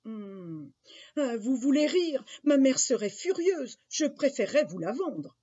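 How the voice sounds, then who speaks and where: A woman's voice: medium pitch, very animated, a little slow, a little mellow, husky, dry recording. A woman voicing a bold, cheerful seven-year-old boy in an eager, bouncy voice. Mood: cheeky. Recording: dull lo-fi recording.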